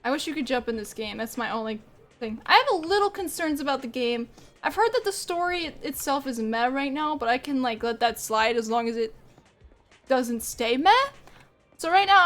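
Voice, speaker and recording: A woman's voice: sits high, lively intonation, moderate pace, a bit bright, soft background music. A woman streaming a game, chatting casually and rambling as she plays, often laughing. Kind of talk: casual live-stream chat while gaming.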